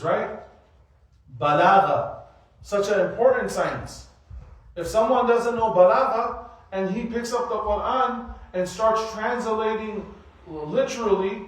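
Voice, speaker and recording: Man in his 40s, high voice, animated mosque lecturer; recorded far off in a very echoey hall. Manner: animated, asks rhetorical questions. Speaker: mosque teacher giving a weekly study circle. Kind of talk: sermon-style lecture.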